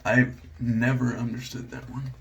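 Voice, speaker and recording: A relaxed man talks his way through a shave in his home bathroom, meandering from one thought to the next. He pokes fun at himself and drops the odd curse, keeping it loose and conversational. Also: medium pitch, measured pace, vocal fry, highs cut off. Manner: laid-back, rambling, self-deprecating, swears casually. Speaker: shaving channel host. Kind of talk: casual vlog chat while shaving.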